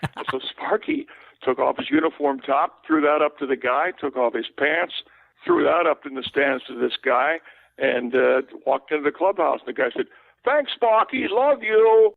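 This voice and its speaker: An older man, a sportscaster, telling relaxed anecdotes in an interview. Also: mid-range voice, normal speed, creaky, no room sound. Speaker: sportscaster guest. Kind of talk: storytelling interview. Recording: tinny phone-line sound.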